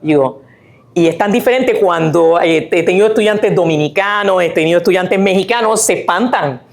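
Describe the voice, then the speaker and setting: A woman speaks as a guest author, her voice sitting a little on the low side. She talks in a loose, lecturing way, full of restarts and little tag questions, and now and then hums or sings a line to show what she means. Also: moderate pace, gravelly. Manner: chatty, many fillers and restarts, tag questions; sings and hums lines of a song to illustrate. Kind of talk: lecture-style talk.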